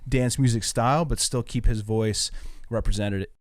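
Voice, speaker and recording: Walking through his remix in the studio, a young producer stays upbeat, casual and explanatory. He speaks at a moderate pace in a mid-range voice with fairly even intonation, and there's no echo.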